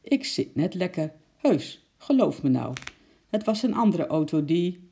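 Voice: mid-range voice, sing-song, unhurried, warm tone. A storyteller voicing a grumpy, stubborn husband who talks sternly in a children's story. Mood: irritated. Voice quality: stern, irritated.

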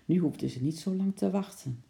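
A reader calmly narrating a children's storybook in a gentle storytelling manner. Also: medium pitch, a little fast, vocal fry.

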